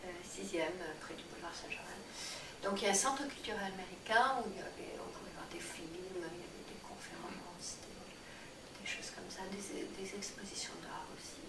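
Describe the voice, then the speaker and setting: An older woman from France answering interview questions casually, hesitating often with fillers and restarts. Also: medium pitch. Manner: hesitant, many fillers and restarts, occasional laugh. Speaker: interviewee, cultural association chair. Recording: roomy, distant mic with background noise.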